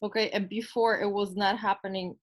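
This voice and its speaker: A woman with a mid-range voice asks follow-up questions over a video call. She hesitates and fills pauses as she asks. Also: mid-range voice, steady tone, low-quality recording. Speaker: audience member asking questions.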